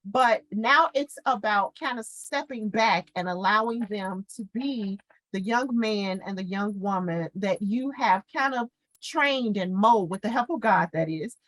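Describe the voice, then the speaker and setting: Animated woman podcast host, dry sound. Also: medium pitch, measured pace, dry recording, rough recording. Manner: animated, acts out quotes with playful voices. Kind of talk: casual conversational podcast chat.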